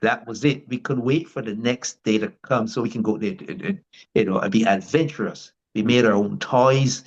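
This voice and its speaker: On dull audio, an older man from Barbados with a lowish voice and a moderate pace recounts his life as an interview guest. His Barbadian-accented account is casual and meandering, with many restarts.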